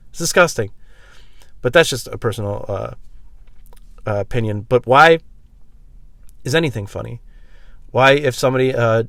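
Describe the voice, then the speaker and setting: A man's voice: mid-range voice, a bit bright, dry recording. A man in a casual, rambling comedic monologue at a laundromat, blunt and profane, acting out bits of dialogue as he goes. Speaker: vlog host telling personal stories.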